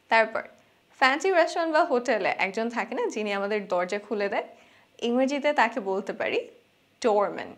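A young woman leads a vocabulary lesson in a fairly high voice. She says each English word two or three times, slowing down to stress how it should sound. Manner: repeats each word slowly and clearly, stressing pronunciation. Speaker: English teacher.

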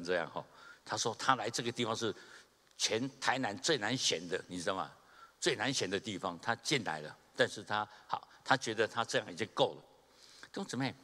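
A male pastor preaches in a lively, storytelling way, chuckling and acting out the people in his stories. His voice is bright and forceful, and it rings with the long reverb of a church hall during a Sunday service. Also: lowish voice. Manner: animated storyteller, chuckles, acts out quoted people. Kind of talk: sermon with humorous storytelling.

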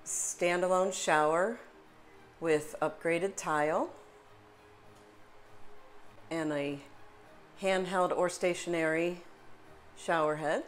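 A woman's voice: lowish voice, takes it slowly, long pauses, soft background music. A middle-aged woman, a real estate agent, walking through a house and pointing out its features in an upbeat, salesy way, filming on a handheld phone. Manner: upbeat salesy tour guiding. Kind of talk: home tour walkthrough. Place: inside a house, then a kitchen. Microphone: phone camera, held at arm's length.

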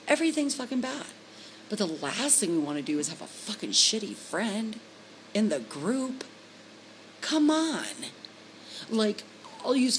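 Brief: middle-aged woman, lowish voice, heated profane home-vlog rant, close phone mic, faint hiss. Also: rough recording. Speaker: vlogger, trucker's wife. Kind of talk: ranting vlog to camera. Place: home room indoors. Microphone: phone camera held close.

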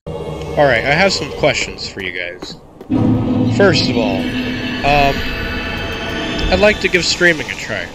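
A congested-sounding teen boy, a gaming YouTuber, keeps up casual, sarcastic commentary with a mock-grumpy tone as he plays, now and then breaking into a cough. His mid-range voice comes through a rough recording with game music loud in the background.

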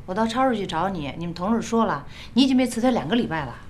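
An actress playing a blunt middle-aged lawyer in a TV drama who speaks her mind. Her voice is mid-pitched and lively, with faint background noise. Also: very fast, close to an everyday voice. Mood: protective. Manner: forthright, indignant, bossy. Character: bossy middle-aged woman lawyer, protective. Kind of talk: television drama acting.

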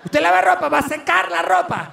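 A man's voice: sits high, animated, moderate pace, fairly bright tone, slight background noise. A man voicing a brash, nervous Venezuelan woman at a visa interview who talks bluntly and swears, in stand-up comedy. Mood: pleading. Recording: echoey live venue from far off.

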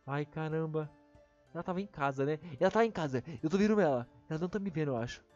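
A man with a Brazilian accent giving excitable Minecraft let's-play commentary, jumping to high-pitched yelps when alarmed. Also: fast talker. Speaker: gaming YouTuber. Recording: dull lo-fi voice with faint music.

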